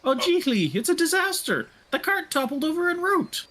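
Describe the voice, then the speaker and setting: A man voicing a panicky little potato creature in a video game, with shrill, breathless exclamations. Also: very animated, normal speed, fairly bright tone, full character voice. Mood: panicked.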